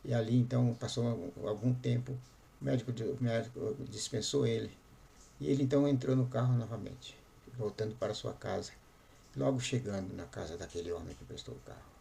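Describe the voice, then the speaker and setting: A man's voice: medium pitch, a little fast, gravelly, mellow, slight background noise. A man, a pastor telling a story as a sermon in a repetitive, emphatic way.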